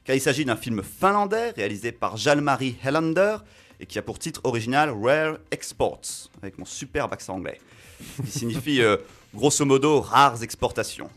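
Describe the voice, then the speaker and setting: A man's voice: medium pitch, expressive, fairly quick, a bit bright. A man giving a casual film chronicle on a radio show, chatty and self-mocking, with many fillers and restarts. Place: radio studio.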